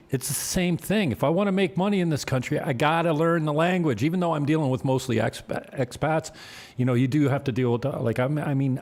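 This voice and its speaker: A man's voice: mid-range voice, a little mellow. A man hosting an interview, chatting loosely and joking with his guest. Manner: joking, rambling. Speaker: host. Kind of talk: casual interview chat.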